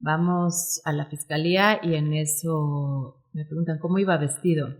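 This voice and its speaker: A woman in her forties with a Mexican Spanish accent, a guest telling her story in an interview, animated and acting out quoted dialogue. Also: sits low, normal speed. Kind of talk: emotional personal storytelling interview.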